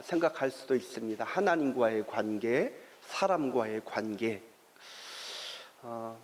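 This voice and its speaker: A man preaching a sermon as pastor, telling a story with long pauses and drawn-out fillers and putting questions to the congregation. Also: mid-range voice, darkish tone.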